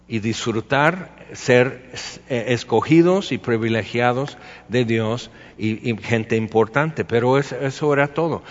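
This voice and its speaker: Chatty Mexican preacher in a reverberant hall. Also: male voice, medium pitch, dull audio. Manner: casual, chatty, with asides and rhetorical questions. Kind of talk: conversational Bible teaching.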